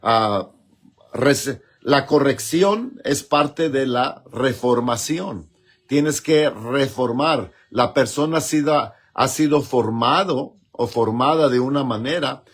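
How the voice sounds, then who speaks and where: A man delivers a teaching sermon at a very slow, measured pace. He pauses often with fillers and keeps checking in with the congregation through short tag questions. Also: mid-range voice, breathy edge. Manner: asks listeners for agreement with repeated tag questions. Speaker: preacher.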